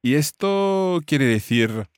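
A man's voice: fairly high pitch, lively intonation, takes it slowly, a little mellow, clear, resonant tone, no room sound, clean studio sound. A man teaching family words in English, explaining patiently and repeating each word for his student. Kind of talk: language lesson dialogue.

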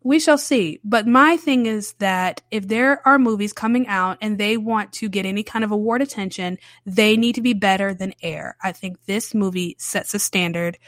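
A New Orleans woman hosts her own podcast, reviewing films solo in a candid, chatty way and often repeating herself for emphasis. Her medium-pitched, slightly bright voice moves at a moderate pace with few pauses. There's no echo.

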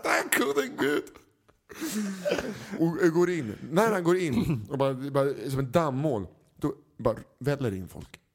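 A man's voice: medium pitch, few pauses. A man in casual chat, telling a story and acting out the people in it with changing voices. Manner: animated anecdote teller, acts out quoted people.

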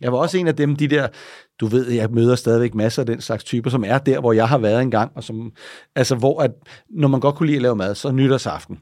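A man with a gravelly, creaky voice tells long, rambling stories in a relaxed interview. He keeps checking in with tag questions and restarts his sentences. The room is dry, with no echo. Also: mid-range voice. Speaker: interview guest. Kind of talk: casual interview talk.

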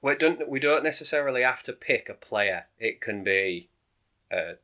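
A man co-hosting a casual sports podcast, chatty and quick to laugh. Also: mid-range voice, lively intonation, bright, forceful tone. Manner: chatty, laughs readily, trails off mid-sentence. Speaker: podcast co-host. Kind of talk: casual chat.

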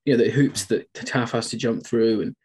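A man co-hosting a podcast, chatty and telling stories with animated quoted asides. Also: mid-range voice, moderate pace, breathy edge. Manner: chatty storyteller, animated quoting. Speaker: podcast co-host. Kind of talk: casual podcast chat.

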